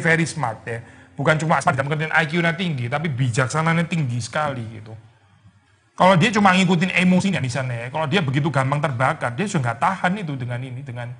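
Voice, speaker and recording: A male pastor teaching a casual Bible study in an animated way, dropping English words into his talk and acting out the people in the story. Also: on the high side. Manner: animated, acts out quoted characters; mixes English words into speech.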